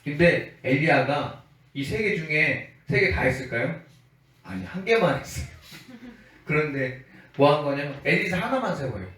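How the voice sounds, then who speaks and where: A man preaching a sermon as a pastor in a relaxed, conversational way, acting out the voices he quotes. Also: fairly high pitch, normal speed, very echoey, recorded from a distance, low-quality recording.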